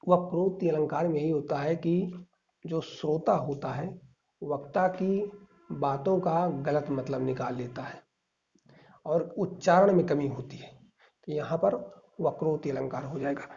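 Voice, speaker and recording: A man's voice: fairly high pitch, measured pace, creaky, warm tone, dull audio. A male teacher giving an exam-prep grammar lesson, explaining step by step and reciting verse examples.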